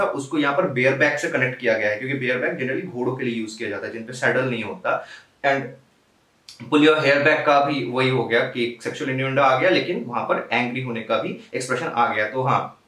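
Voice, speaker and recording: A young man talks through song lyrics in a relaxed, explanatory way, slipping English phrases into his talk. His voice sits at an ordinary pitch. It sounds roomy and a bit off-mic, as if recorded at home. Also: far from the mic. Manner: explanatory, mixes English into his talk, laughs now and then. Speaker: reaction video host. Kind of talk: casual rap breakdown commentary.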